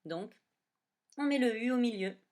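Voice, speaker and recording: Here a woman who teaches primary school slowly spells words out for young kids during dictation, breaking each into syllables. Her pitch stays bright and animated throughout.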